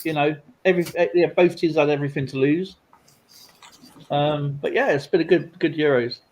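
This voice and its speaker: A man's voice: a little high, moderate pace, a little mellow, lo-fi sound. A man chatting casually on a stream, rambling with lots of fillers and restarts. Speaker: streamer and coin collector. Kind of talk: casual live-stream chat.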